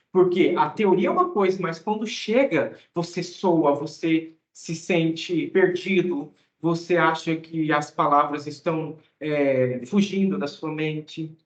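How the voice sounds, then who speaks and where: A man from Mato Grosso, Brazil, working as an English teacher, explaining things to students in a casual, conversational way and often tagging his phrases with a question. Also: a little high. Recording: echoey room, dull lo-fi sound.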